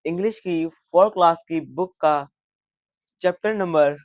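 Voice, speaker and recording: Man, teacher, slightly high voice, very unhurried, spells words out letter by letter, dry close sound. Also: dry recording. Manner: repeats English lines then translates them. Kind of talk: explaining a textbook exercise.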